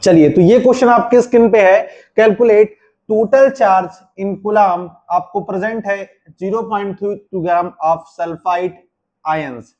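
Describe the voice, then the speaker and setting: A man with a high voice teaches a chemistry lesson, working through it step by step and answering the questions he poses himself. The recording sounds dull and lo-fi. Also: slow pace, darkish tone. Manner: explains step by step, asks and answers his own questions. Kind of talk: classroom lecture.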